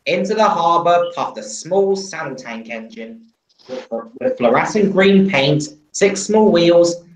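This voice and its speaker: A woman reading a story aloud on a livestream, lively and unhurried. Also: lowish voice, echoey room, low-quality recording.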